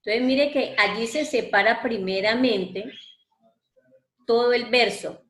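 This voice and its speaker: Slow, patient woman teacher, echoey room. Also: on the high side. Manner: patient, step-by-step, addresses student formally; drawn-out syllable counting. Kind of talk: online class explaining poetry.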